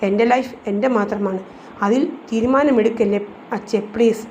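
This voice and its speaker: A woman's voice: a little high, steady tone, moderate pace, highs cut off, a little hiss or hum, natural voice. A woman voicing a defiant, proud twenty-year-old woman who pleads yet stands her ground, in a storybook reading. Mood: firm pleading. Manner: pleading yet stubborn, sharp-tongued.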